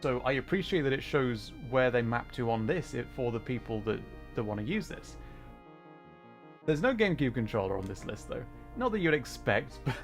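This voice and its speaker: A male VTuber hosts a livestream of a racing game, his medium-pitched voice animated and moving at a normal pace. He chats casually and thinks aloud in short, reactive bursts while faint music plays behind him.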